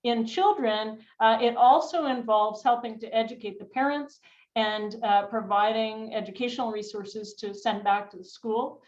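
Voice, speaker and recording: Woman doctor on a panel, measured and thoughtful; roomy, muffled call sound. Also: fairly high pitch, darkish tone. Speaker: adult sickle cell physician. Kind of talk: panel discussion answer.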